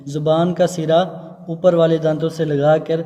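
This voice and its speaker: A man's voice: a little high, flat delivery, dark tone, long reverb tail. Man teacher, letters chanted drawn out. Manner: explains each letter, then chants it slowly and drawn out. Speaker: Quran teacher. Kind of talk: Arabic letter pronunciation lesson.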